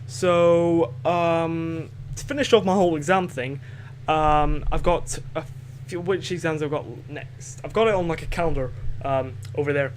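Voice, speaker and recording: A teenage boy from Scotland, lightly accented, speaks at a normal speed in a fairly high voice while hosting a home podcast. His casual monologue wanders, with hesitations, fillers and restarts. There's a bit of background noise.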